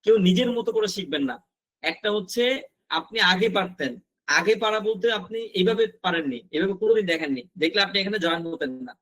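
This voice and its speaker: Male teacher, high voice, patient vocabulary drilling, talks straight to students. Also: pushed and bright. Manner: repeats words slowly for drilling; addresses students directly with questions. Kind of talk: recorded vocabulary lesson.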